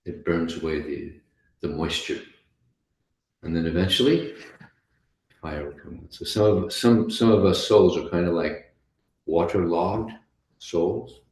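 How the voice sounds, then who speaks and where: A man giving an informal scripture class, telling stories in a chatty way and often breaking into soft laughs. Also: low voice, a little slow, pauses often, echoey room, a little hiss or hum, low-quality recording. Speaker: devotional class speaker.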